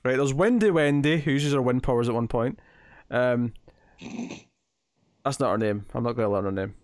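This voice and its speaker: A man's voice: medium pitch, normal speed, darkish tone, no echo. A man co-hosting a podcast in casual chat, joking and laughing often. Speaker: podcast co-host.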